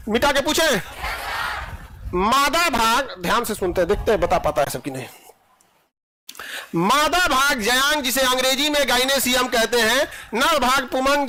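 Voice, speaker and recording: High-voiced playful male teacher. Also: sharp tone, a little hiss or hum. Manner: playful, jokes with students, quizzes them repeatedly. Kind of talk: classroom biology lesson. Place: classroom with students.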